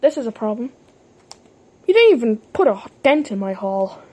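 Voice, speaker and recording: Lively high-voiced woman voicing toy trains. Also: normal speed. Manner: animated, jumps between silly character voices. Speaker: fan series voice actor. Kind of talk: playful homemade toy-train drama, doing every character.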